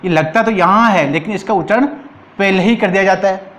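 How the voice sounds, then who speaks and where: Rajasthani guy teaching hindi grammar, highish voice, says every word twice and keeps asking the class. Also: a bit bright. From India. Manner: repeats each word slowly and asks the class questions. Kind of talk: exam-prep grammar lesson.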